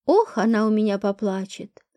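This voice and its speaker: A woman's voice: mid-range voice, animated, moderate pace, dark tone, pitched below the performer's own voice, natural voice. Woman reading a drunk, vengeful man. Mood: gloating.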